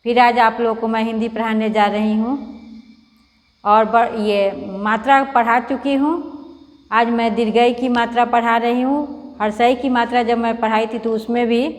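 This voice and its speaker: A woman's voice: fairly high pitch, fairly even intonation, normal speed, in a large hall. A woman Hindi teacher giving a children's lesson, patiently sounding out words syllable by syllable and coaxing her pupils along. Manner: coaxing, calls pupils "beta".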